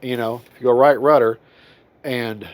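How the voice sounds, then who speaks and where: At a normal speed and with fairly even intonation, a mid-range male voice, nasal from a cold, works through a casual unboxing of a model plane. The RC hobbyist is in his hobby room at home, and his review comes out rambling, folksy, and full of self-corrections.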